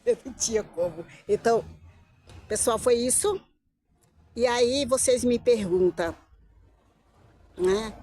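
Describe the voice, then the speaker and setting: A middle-aged woman tells her own story straight to her viewers, in a fairly high voice. Her delivery is animated and full of repeats, and she acts out the lines other people said to her. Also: takes it slowly, long pauses. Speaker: vlogger telling her life story. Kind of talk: casual personal storytelling.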